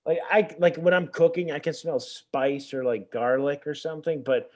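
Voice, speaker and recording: Male co-host, loose and profane, slightly raised pitch. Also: fairly even intonation, normal speed. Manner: rambling, swears casually. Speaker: podcast co-host. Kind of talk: casual chat.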